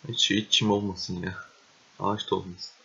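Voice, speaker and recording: A young man talks over his gameplay in a low, husky voice. He swears often, gets exasperated and breaks into excitable outbursts. The recording sounds dull and lo-fi. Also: normal speed. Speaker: gaming video host. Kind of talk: casual gameplay commentary.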